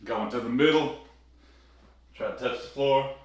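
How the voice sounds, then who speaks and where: A man's voice: medium pitch, normal speed. A man in a big echoey room, talking casually through a workout and coaching himself as he counts his reps on a clip-on mic. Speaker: fitness streamer. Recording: echoey room, heard from a distance.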